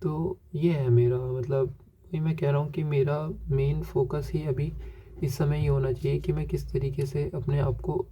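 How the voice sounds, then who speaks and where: Young man, confessional monologue, self-searching, rambling, monotone, dull lo-fi audio. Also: on the high side, a little slow. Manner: rambling, self-searching, repeats "ठीक है" as filler. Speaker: vlogger.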